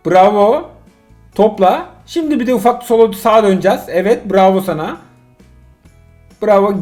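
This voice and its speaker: A high-voiced middle-aged dad offers casual, jokey commentary while playing a mobile driving game with his son, shifting between excitement and exasperation.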